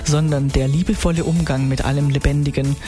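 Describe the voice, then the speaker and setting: A woman's voice: low voice, steady tone, fairly quick, dark tone. Woman giving a devotional talk over faint music. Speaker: church radio speaker. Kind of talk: scripted devotional radio talk.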